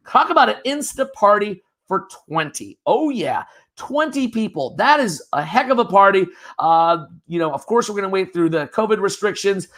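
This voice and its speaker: An upbeat charity auctioneer running a live virtual auction. The voice is bright and forward, and it keeps urging bidders on by name without letting up. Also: mid-range voice. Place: virtual gala broadcast.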